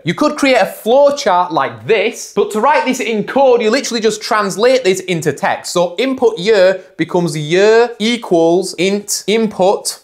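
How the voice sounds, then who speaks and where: A young man hosting a comedic programming tutorial, narrating with wry, deadpan humor. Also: high voice. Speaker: tutorial host.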